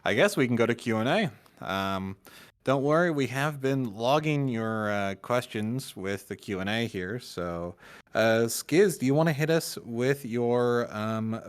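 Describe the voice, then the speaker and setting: A man's voice: mid-range voice, lively intonation, measured pace, clean tone. A man hosting a casual podcast chat, an easygoing moderator who jokes with his co-hosts and steers the talk. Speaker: podcast host.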